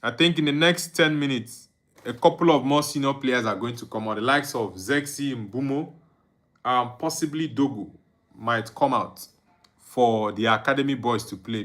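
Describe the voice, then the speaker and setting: A young man from Nigeria streams a live football watchalong, his mid-range voice fairly bright and his speed normal. He keeps it casual, reading comments from viewers aloud, chuckling, and humming or singing softly to himself.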